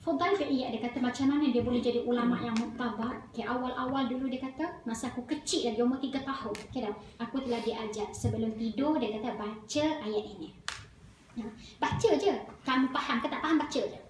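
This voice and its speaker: A Malaysian woman giving a religious talk to an audience, animated, often checking in with "okey?". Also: a little high, fairly quick. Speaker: religious teacher. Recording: very echoey hall with faint noise.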